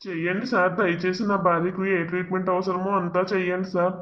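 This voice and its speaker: Guy voicing a poor devoted village husband, emotional pleading, fast flat delivery, cartoon drama. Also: sits high, muffled recording, lightly acted.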